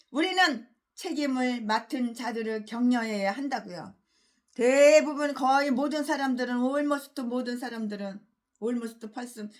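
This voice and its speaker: High-voiced woman preaching with sudden bursts. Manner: emphatic, swinging from loud outbursts to low asides; blunt and colloquial, laughs between points. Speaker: pastor. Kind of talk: expository sermon.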